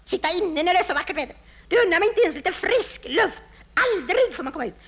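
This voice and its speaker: A woman's voice: very high-pitched, animated. An actress playing a nagging housewife who scolds her husband nonstop in a vintage radio comedy sketch. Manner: nagging, reproachful, theatrically wounded. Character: nagging middle-aged housewife, shrill and endlessly scolding.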